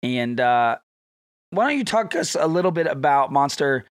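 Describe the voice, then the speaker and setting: A man's voice: mid-range voice, very animated, moderate pace, clean tone, dry recording, studio quality. A man hosting a casual podcast while sick, his voice strained, chatting in a rambling way with fillers. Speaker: podcast host.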